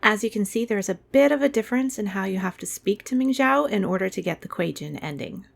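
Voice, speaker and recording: A woman narrating gameplay in casual commentary, explaining in a relaxed way. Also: medium pitch, fairly quick, gravelly, faint music behind.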